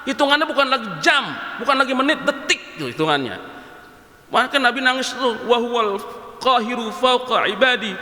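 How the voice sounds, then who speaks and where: A male preacher giving a sermon in a mosque, with lively storytelling and animated quoting. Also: very high-pitched. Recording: echoey hall.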